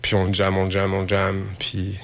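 Male band member, fairly low pitch, relaxed informal phrasing for interview answers. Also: a little slow, creaky. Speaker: musician, interview guest. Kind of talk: casual interview chat.

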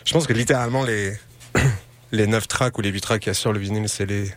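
Male band member, fairly low pitch, relaxed informal phrasing for interview answers. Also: fast. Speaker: musician, interview guest. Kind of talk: casual interview chat.

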